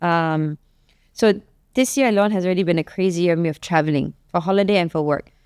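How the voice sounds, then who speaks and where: A woman's voice: on the low side, quick pace, smooth, no echo, studio quality. A woman who grew up in Malaysia, a guest in a casual panel chat, telling stories chattily and acting out the exchanges she quotes. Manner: chatty, animated storyteller, acts out quoted exchanges. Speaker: guest, youth entrepreneurship advocate.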